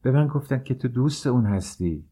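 A man's voice: mid-range voice, expressive, dark tone, husky, voice pushed up. A man reading as a sociable forty-year-old actress. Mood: chatty.

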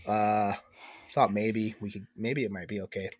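A young man co-hosts a podcast in casual chat, his voice lowish and his pace moderate on a dry recording. He sounds congested and stuffed up, rambling animatedly and cutting himself off mid-thought.

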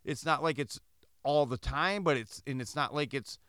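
A man's voice: a little high, moderate pace, smooth, dry recording, clean studio sound. A middle-aged man from Michigan, hosting a podcast and telling a story in a casual monologue, acting out the dialogue. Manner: animated, acts out dialogue in quoted voices. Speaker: podcast host.

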